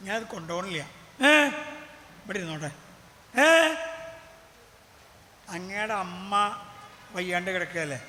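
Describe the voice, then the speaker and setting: A man's voice: measured pace, pauses often, bright, forceful tone, slight background noise. Man playing a scheming, fawning minister: sly murmur, echoey room. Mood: wheedling. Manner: low, wheedling murmur. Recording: echoey hall with faint background.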